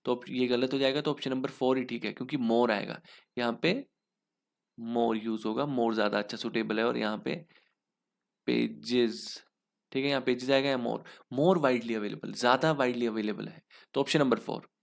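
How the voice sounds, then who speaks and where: Gravelly man explaining exam English. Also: mid-range voice, steady tone, normal speed. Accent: Indian English. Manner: explains step by step, asks then answers himself. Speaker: English teacher. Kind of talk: exam lesson in Hinglish.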